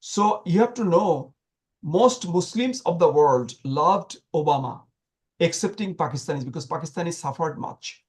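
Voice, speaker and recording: A man being interviewed, talking in an animated, sarcastic way with many restarts and repeated words. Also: on the high side, moderate pace. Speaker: guest commentator.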